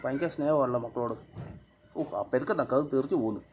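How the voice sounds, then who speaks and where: A man chats casually on a pet vlog, coaxing and scolding his animals outdoors at home. His voice sits at a middle pitch. The recording is dull and lo-fi, with a faint hiss underneath. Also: fast, a little mellow. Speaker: vlogger. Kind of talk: casual chat to pets and camera. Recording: dull lo-fi sound with faint noise.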